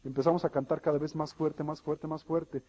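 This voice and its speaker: A man's voice: a little high, little pitch movement, brisk, dark tone, lo-fi sound. A man preaching a sermon in a church hall, emphatic and asking the congregation questions. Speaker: pastor.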